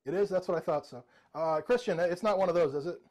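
This virtual mentalist speaks at a quick clip in a high-pitched, slightly mellow voice. He's middle-aged and works the video call from a room with bookshelves, addressing people by name as he runs playful, interactive mind-reading routines like a showman.

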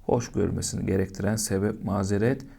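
A man's voice: deep voice, fairly even intonation, fast talker, gravelly, warm tone, breathy edge. A man teaching a primary school lesson, patiently asking young children questions and answering them himself.

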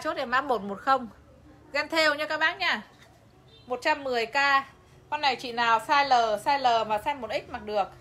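Bright high-voiced woman selling clothes live. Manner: chatty, addresses viewers directly, laughs often. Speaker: livestream clothing seller. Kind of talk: live sales pitch.

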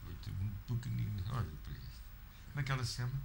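A man's voice: mid-range voice, rapid-fire, gravelly, background noise. A man talking casually at home, doting and cooing in baby talk. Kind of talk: casual home video chat.

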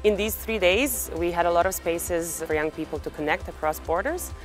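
A woman's voice: fairly low pitch, moderate pace, faint music behind. A woman in an interview outdoors on a campus, speaking celebratorily on a lapel mic. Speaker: managing director.

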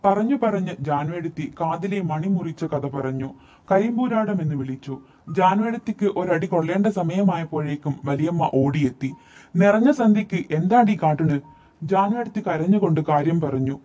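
A man reading a short story aloud as narrator, telling it in an expressive, dramatic way. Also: on the high side, normal speed. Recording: dull lo-fi recording, faint music behind.

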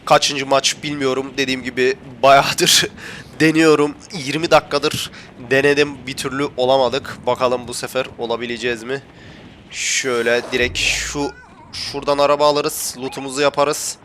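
A man's voice: mid-range voice, level tone, moderate pace, fairly bright tone, slight background noise. A young man commentating his gameplay for viewers, chatty and often complaining that he is getting annoyed. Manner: grumbling, gets worked up and complains to viewers. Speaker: gaming YouTuber.

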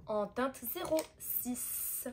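A woman's voice: on the high side, expressive, drawn-out words, a little hiss or hum. A young woman chatting casually through a shopping haul vlog and mixing languages as she talks. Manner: chatty, switching between languages mid-sentence. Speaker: vlogger.

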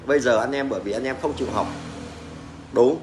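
A man's voice: mid-range voice, fairly quick, a little hiss or hum. A middle-aged man, a mechanic ranting bluntly to fellow mechanics, mocking and swearing as he talks. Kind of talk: casual rant to fellow mechanics.

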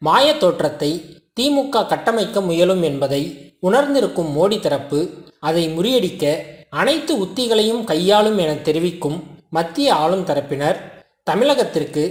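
A news narrator reading a scripted report in formal, measured phrasing. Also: mid-range voice, reverberant.

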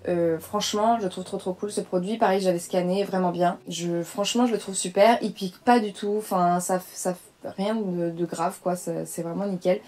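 A woman's voice: on the low side, steady tone, moderate pace, a little mellow. A young adult woman chatting casually as a beauty vlogger, hesitant and full of fillers as she reviews her products.

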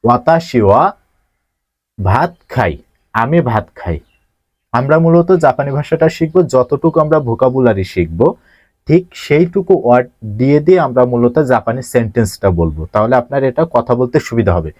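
A man teaches Japanese grammar at a middle pitch, posing questions to his students and answering each one himself. The recording is close and dry, with almost no room sound. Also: expressive, a little fast, darkish tone, no echo. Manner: asks rhetorical questions and answers them himself. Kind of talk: grammar lesson explanation.

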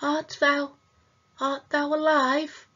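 A woman's voice: high voice, little pitch movement, slow pace, sharp tone, highs cut off, voice pushed up, full character voice. A woman voicing a faint, sad ghost child from long ago who talks hesitantly and wistfully in old-fashioned words.

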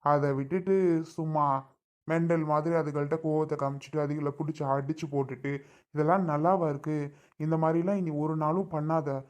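Father lecturing his wife on parenting, played by a woman; lower voice, steady scolding tone. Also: brisk, lightly acted. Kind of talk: family skit acting.

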